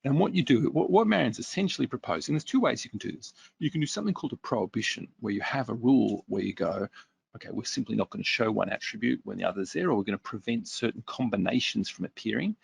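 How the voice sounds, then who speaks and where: A webinar presenter speaks fast in a deeply gravelly, somewhat husky voice whose lively pitch moves up and down a lot. He picks up viewer comments from his workshop-style session and answers them conversationally, relaxed and using fillers. The sound is dry and close-miked.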